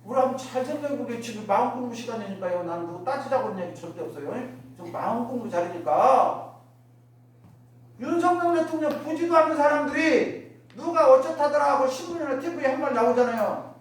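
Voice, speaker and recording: A woman's voice: high-pitched, expressive, brisk, far from the mic. Woman preaching in an echoey hall. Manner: keeps asking the listeners rhetorical questions; acts out everyday remarks in other voices. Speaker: Won Buddhist minister. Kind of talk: dharma talk to a congregation. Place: worship hall. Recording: echoey hall, miked from afar, faint noise.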